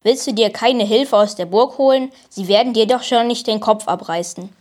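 A woman voicing a relaxed, cheeky little monster who teases in an easygoing way. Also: a little high, moderate pace, lightly acted. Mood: teasing. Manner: teasing, easygoing.

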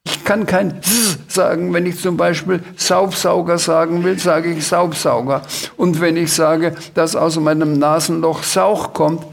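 A man reading aloud and voicing a small, anxious blue dragon who cannot pronounce the letter R, speaking slowly and plaintively. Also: fairly high pitch, steady tone, gravelly, heavily acted. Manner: slow, plaintive, can't pronounce R.

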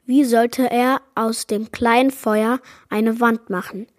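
A woman reading aloud a chapter of a children's fantasy adventure book in a measured narrating manner. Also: on the high side, steady tone, no room sound, clean studio sound. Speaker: book reader. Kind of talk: storybook read-aloud.

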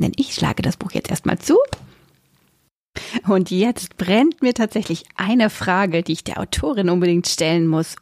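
Breathy woman reading a children's book. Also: mid-range voice. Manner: lively, expressive. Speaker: narrator and host.

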